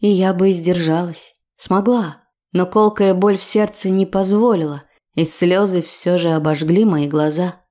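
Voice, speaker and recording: Female audiobook narrator, first-person story read with expressive feeling. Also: on the low side, unhurried, hardly any pauses.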